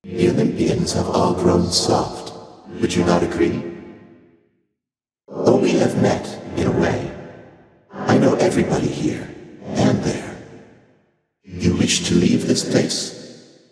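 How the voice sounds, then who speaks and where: A man playing an ancient, courteous, detached deity of chaos in a video game, speaking in formal, stately phrases with faint amusement and a breathy voice in cavernous reverb. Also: deep voice, completely flat delivery, takes it slowly, pauses often. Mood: detached, wryly amused. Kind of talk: video game character dialogue. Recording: echoing long reverb under loud music.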